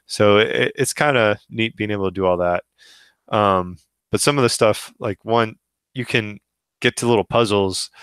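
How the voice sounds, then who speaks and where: A man in his thirties on a gaming podcast, talking casually with frequent pauses, restarts and fillers. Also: lowish voice, smooth, no room sound. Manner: hesitant, many restarts and fillers, relaxed. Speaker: podcast co-host.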